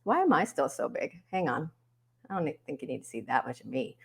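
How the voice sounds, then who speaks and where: A woman's voice: deep voice, very animated, a little fast, vocal fry, breathy edge. A woman hosting a live online workshop from home, chatting upbeat with viewers in the comments over a webcam. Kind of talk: casual livestream hosting. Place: home, yard work heard outside.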